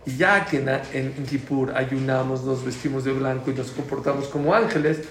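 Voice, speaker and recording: A man's voice: medium pitch, normal speed. A man teaching a prayer class, explaining points and quizzing his students. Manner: lively, asks the class questions, repeats key points loudly. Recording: echoey room, faint background noise.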